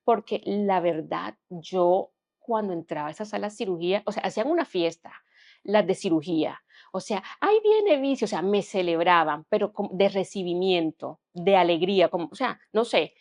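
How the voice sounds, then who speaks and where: A young woman giving an earnest personal testimony as a podcast guest, often dropping to a hushed tone. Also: fairly low pitch, moderate pace.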